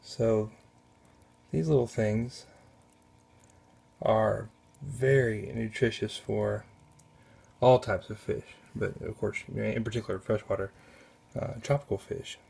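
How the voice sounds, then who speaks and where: A man giving casual off-camera commentary on his home aquarium, talking in a relaxed, halting way with many restarts, recorded on a camera mic in a spare bedroom. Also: on the low side, vocal fry, breathy edge. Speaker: aquarium hobbyist.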